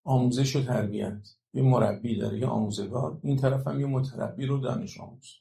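A man delivers a religious talk with a rough, gravelly edge to his voice. He explains his points patiently and keeps checking in with rhetorical questions. The sound rings out in an echoey room. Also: medium pitch, dark tone. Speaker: religious lecturer.

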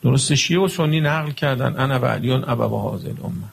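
A man's voice: medium pitch, gravelly, husky. A male preacher giving a religious lecture, emphatic and full of rhetorical questions to his audience.

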